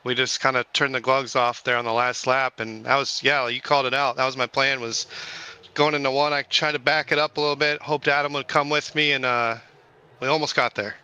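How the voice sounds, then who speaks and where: Smooth, bright-voiced male racing driver. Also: medium pitch, rough recording. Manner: relaxed, halting, many uhs. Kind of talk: post-race interview.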